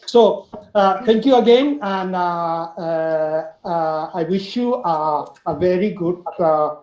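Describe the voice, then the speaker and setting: A man's voice: high voice, slow, a little mellow. A man on a video call giving brief thanks, hesitant and full of "uh" fillers. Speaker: participant. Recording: dull echoey video call line.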